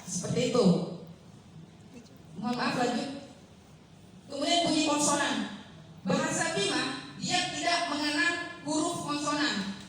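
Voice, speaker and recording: A young woman giving a seminar presentation, halting and apologetic, with many fillers and self-corrections. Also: high voice, a bit bright, a little hiss or hum. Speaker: student presenter. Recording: very echoey room, voice from far off.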